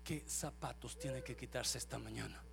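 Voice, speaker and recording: Pastor preaching, gravelly voice, goes from yelling to soft, mixes english in. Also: male voice, medium pitch, normal speed. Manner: impassioned, swings from shouting to soft talk, repeats phrases. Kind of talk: sermon.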